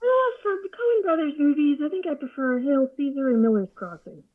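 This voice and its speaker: A woman voice actor talks casually on a video call from her sofa, telling stories with lively, theatrical flair. Her voice comes through a narrow, phone-like line that sounds tinny, and the sound is dry and close, with no room around it. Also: high voice, a little fast, no echo. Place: home sofa.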